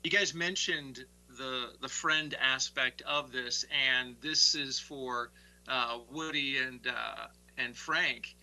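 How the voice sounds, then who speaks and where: A man interviewing for a launch broadcast, conversational, phrasing his questions in a halting way. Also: mid-range voice, bright, forceful tone, low-quality recording. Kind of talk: live interview over a space link.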